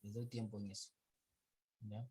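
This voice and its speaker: A man, a teacher on a video call, patiently walking his pupils through their reading errors. His voice sits low and has a husky, breathy grain. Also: flat delivery, moderate pace, dark tone. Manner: corrects pupils' reading patiently, counts aloud. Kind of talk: online reading class feedback.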